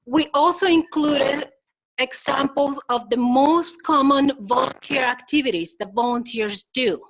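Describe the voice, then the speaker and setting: On a low-quality recording, a woman with a high voice and a slightly slow pace presents at a conference in a Minnesotan accent. Chatty and engaging, she asks the audience rhetorical questions and acts out quotes in lively voices.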